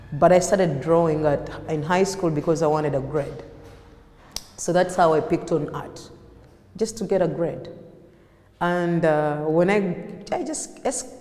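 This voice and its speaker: A woman in her thirties with a Ugandan accent, an artist recalling her life story in a reflective, unscripted interview, pausing and restarting often. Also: deep voice, warm tone. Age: 30s. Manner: reflective, with frequent fillers and restarts. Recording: echoey room with long reverb.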